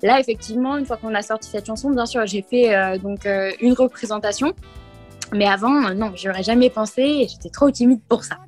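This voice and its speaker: A young singer from Limoges, France answers radio interview questions in a slightly high, somewhat fast voice with a darkish tone. She hesitates with many fillers and little laughs while soft music plays in the background.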